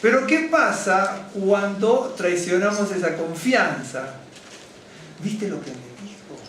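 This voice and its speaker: A rabbi, a man, preaching a lively, wandering sermon that keeps checking in with the congregation. His voice sits a little high and booms around a very echoey hall. It is picked up from a distance, with faint room ambience behind. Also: takes it slowly, a little hiss or hum. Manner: lively, digressive, asks "¿no es cierto?" often; addresses congregation directly, gets excited. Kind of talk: conversational sermon teaching. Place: synagogue hall.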